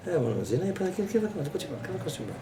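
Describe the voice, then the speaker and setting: A man giving a lively sermon as a rabbi, telling anecdotes with sudden exclamatory outbursts. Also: racing. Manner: animated, exclamatory storytelling with sudden high outbursts. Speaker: rabbi giving a Torah class. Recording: echoey room, voice from far off, noisy.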